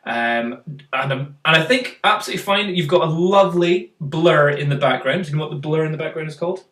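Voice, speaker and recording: A man's voice: fairly high pitch, brisk, fairly bright tone. Chatty man critiquing photos. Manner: chatty, uses fillers, quizzes co-host. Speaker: photography channel host. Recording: roomy, mic at a distance.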